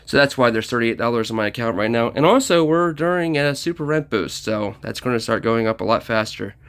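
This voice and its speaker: Man, gravelly and mid-pitched, slightly winded, casual rambling game commentary. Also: expressive, fairly quick, a bit bright. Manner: rambling with many ums and uhs. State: slightly out of breath. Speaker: mobile game vlogger.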